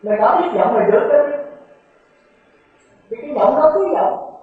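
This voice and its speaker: High-voiced monk giving a dharma talk. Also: male voice, animated, moderate pace. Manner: lecturing, repeats rhetorical checks to listeners. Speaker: Buddhist monk teaching. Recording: heavily echoey, tinny phone-like sound.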